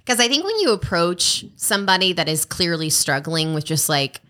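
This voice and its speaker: A woman co-hosts a podcast, chatting casually with an animated, self-deprecating manner and frequent laughter. Her voice is bright and sits a bit low, with lively swings in pitch. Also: normal speed. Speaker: podcast co-host. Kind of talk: casual chat.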